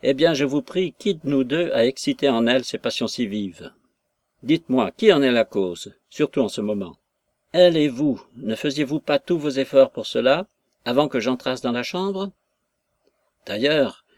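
A man's voice: mid-range voice, lively intonation, moderate pace, a little mellow, dry recording, natural voice. A man voicing a blustering indignant old father. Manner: indignant, accusing questions.

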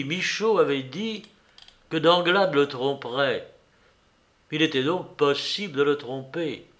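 A man reads a novel aloud in a measured, calm way, keeping a slow, unhurried pace. His voice sits a little higher than most men's, steady through the narration. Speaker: audiobook reader.

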